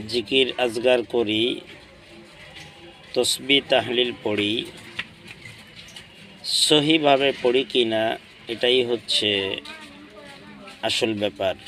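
A man teaching correct prayer recitation in a slow, deliberate way, drawing out the chanted Arabic phrases. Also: medium pitch, a bit bright, slight background noise. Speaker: religious teacher. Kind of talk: instructional talk on prayer recitation.

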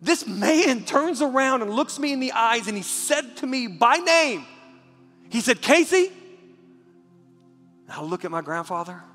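A man preaches from the pulpit with fervor, his voice pitched high and bright. He stumbles over repeated words as he pushes on, then sinks to a near whisper. The sound carries a long church-hall reverb with faint music beneath. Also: lively intonation, moderate pace. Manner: passionate, repeats words when moved, drops to a hush for the story. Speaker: pastor. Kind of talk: sermon. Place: church sanctuary.

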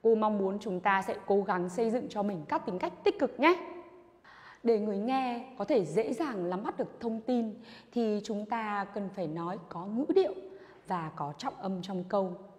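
A woman teaching an English lesson to primary school children, drilling words slowly and with emphasis. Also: mid-range voice, a little mellow. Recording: reverberant room sound.

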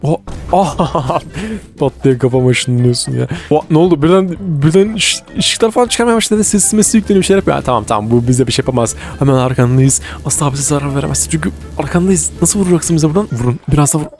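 A man giving excitable live gameplay commentary, reacting with quick exclamations and urgent repeated words. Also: fairly high pitch, faint music behind. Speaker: gaming video creator.

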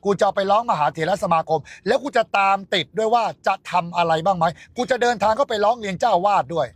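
High-voiced man ranting coarsely. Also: quick pace, no echo. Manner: coarse, taunting, mocking. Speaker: livestreamer. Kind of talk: angry livestream rant.

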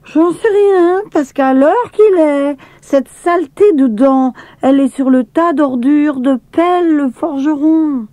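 A woman doing a cross, high-pitched farm maid. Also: slow pace, hardly any pauses, mellow, no room sound. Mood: grumpy. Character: sulky, grumbling young farm maid.

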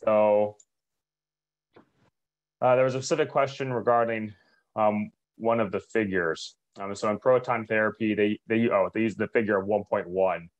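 Low-voiced man moderating a Q&A, polite and reassuring as he relays audience questions. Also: steady tone, highs cut off. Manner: polite, reassuring, slightly rushed. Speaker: webinar moderator.

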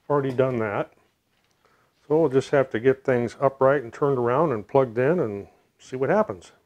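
A middle-aged American man narrating a hands-on repair casually, in a low-key way, as if muttering to himself while he works. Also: normal speed, a little mellow, lo-fi sound. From United States. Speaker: DIY repair video host. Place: home room, indoors.

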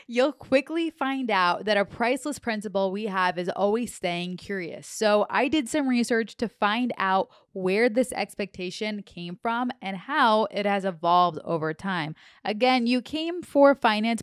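A woman's voice: medium pitch, smooth, no echo. A young woman hosting a finance podcast in a small home studio, reading a script on a handheld mic with playful asides. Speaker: podcast host. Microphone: handheld dynamic mic, headphones.

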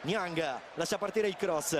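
A man giving excited live football commentary. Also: sits high, measured pace. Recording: loud stadium crowd and noise.

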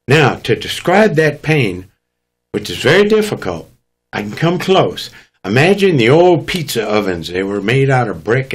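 A man's voice: lowish voice, slightly rough. A man, a guest preacher, telling his testimony in an emphatic, dramatic preaching manner. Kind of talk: testimony storytelling.

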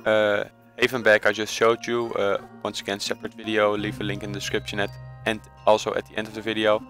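Walking viewers through a game in a casual screen recording, a Netherlands-born man with a Dutch accent talks in a low, bright, flat voice. Pauses get filled with "uh," he revises phrases as he goes, and quiet music runs behind him.

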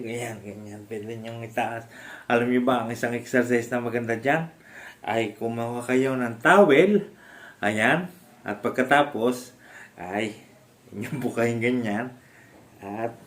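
A man from the Philippines, a stroke survivor, casually demonstrating home exercises with halting speech, frequent fillers and restarts, and often laughing as he explains. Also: mid-range voice, bright, forceful tone, slight background noise. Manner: polite, addresses viewers respectfully. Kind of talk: casual instructional vlog.

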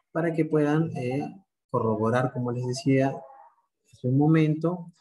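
A man with a Peruvian Spanish accent, a speech therapist giving an informative talk to parents, explaining patiently with gentle diminutives and rhetorical check-ins. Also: mid-range voice, noisy background. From Peru.

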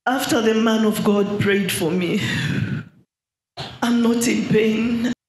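A middle-aged woman from Zambia giving a halting healing testimony in church, speaking into a handheld mic. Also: a little high, steady tone, a little mellow, slight background noise. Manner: slow and halting, with many pauses. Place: large church hall. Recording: echoey hall.

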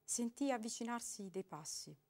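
A woman giving an expressive, dramatic reading of a short story aloud. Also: on the high side, normal speed, gravelly. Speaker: reader.

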